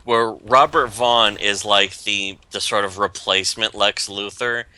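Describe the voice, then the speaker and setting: A man's voice: on the low side, steady tone, unhurried, sharp tone, no echo. A man chatting casually as a podcast host, rambling and profane with lots of restarts. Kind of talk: casual chat.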